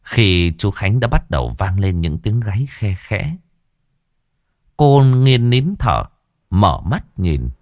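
A man tells a ghost story, his pitch climbing and falling widely. His delivery swings from hushed to lively. The recording is close and dry. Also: slow pace, no room sound. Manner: expressive, shifting between hushed and lively. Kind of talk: scripted narration of a ghost story.

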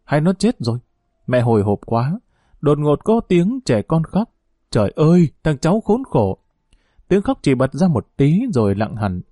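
Mellow-voiced male audiobook narrator. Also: medium pitch, normal speed, dry recording, clean studio sound. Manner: steady storytelling.

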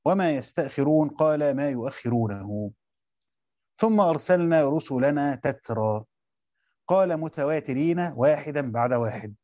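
A man with an Egyptian Arabic accent teaching a classroom lesson, quizzing his students and repeating his points slowly. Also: a little high, expressive, a little mellow, no echo, dull audio. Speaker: teacher of Quran commentary.

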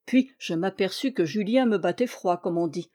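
A woman narrating a classic short story aloud, expressive and dramatic in her reading. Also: medium pitch, normal speed. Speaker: audiobook reader. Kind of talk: literary audiobook narration.

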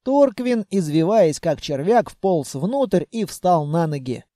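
Guy reading a fantasy audiobook, high lively voice, mellow, dry close sound. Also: slow, no echo. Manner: wry, animated storytelling. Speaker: audiobook narrator. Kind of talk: first-person fantasy audiobook narration.

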